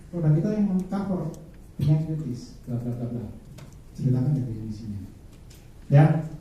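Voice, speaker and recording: A man's voice: on the high side, warm tone, highs cut off. A man training insurance sales agents, often asking his audience questions and acting out talks with clients. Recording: very echoey room, distant mic.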